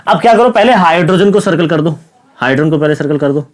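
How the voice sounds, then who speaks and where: A male science teacher giving a classroom-style chemistry lesson with a sore, slightly hoarse throat. He asks his students questions, answers them himself, and keeps repeating the key words. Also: a little high, expressive, fast talker. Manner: repeats key words and calls listeners "kids" and "brother".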